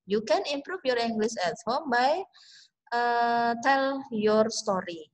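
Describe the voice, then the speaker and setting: Indonesian-accented woman teacher, slow and explanatory, lecturing a class. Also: a little high, expressive. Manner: slow, explanatory, drawn-out English phrases. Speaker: English teacher. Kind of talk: online class lecture mixing English and Indonesian.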